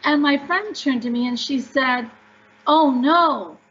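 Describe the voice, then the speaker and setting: Upbeat high-voiced woman author. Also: normal speed, fairly bright tone. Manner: upbeat, emphatic storyteller. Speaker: author guest. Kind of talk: interview answers. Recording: dull lo-fi audio.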